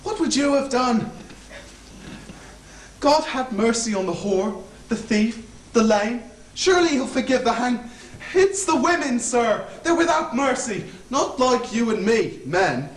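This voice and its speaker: A man's voice: extremely high pitch, animated, a little slow, a little hiss or hum. A young man playing a grovelling convict. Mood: nervous rambling. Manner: grovelling, stammering, rambling. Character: fawning anxious male Irish convict hangman. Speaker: student actor. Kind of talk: stage play acting. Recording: echoey stage from far off.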